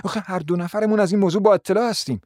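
A man's voice: high voice, darkish tone, dry recording, clean studio sound, natural voice. A man playing a proud, bitter young woman who is ill and speaks sharply and impatiently, in a radio drama. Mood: scornful.

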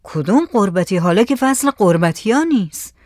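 A woman's voice: medium pitch, expressive, darkish tone, dry recording, natural voice. A woman voicing a pensive, wary adult fisherman in a read-aloud story, musing in a dry, close voice. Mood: urgent.

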